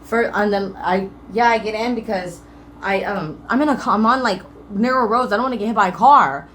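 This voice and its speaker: A woman's voice: mid-range voice, brisk, fairly bright tone, echoey room, slight background noise. A woman vlogger telling a personal story to the camera in a rambling, emotional way.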